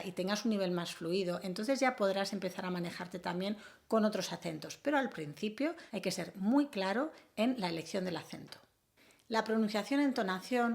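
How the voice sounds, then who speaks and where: A woman, talking through a language lesson in a calm, methodical way. Her voice carries a gravelly, fry-tinged edge and sits at a middling pitch. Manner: clear, measured explaining with occasional fillers. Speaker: English teacher. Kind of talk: explanatory video lesson.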